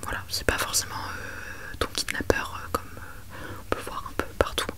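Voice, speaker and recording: A woman presents books in a hushed ASMR library whisper, chatty and rambling with self-mocking asides. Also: normal speed. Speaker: ASMR video creator.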